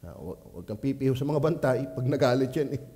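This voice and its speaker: A man with a Batangas accent, a pastor preaching at a church prayer meeting, swinging from quiet asides to loud exclamations. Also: medium pitch, expressive, quick pace. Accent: Filipino, Batangas.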